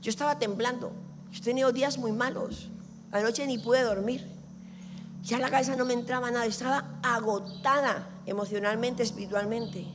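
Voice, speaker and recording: A woman, preaching an emphatic sermon that swings between loud and hushed and acts out little dialogues. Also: on the high side, fairly even intonation, moderate pace, noisy background. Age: 60s. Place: church hall. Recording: long church reverb with music behind.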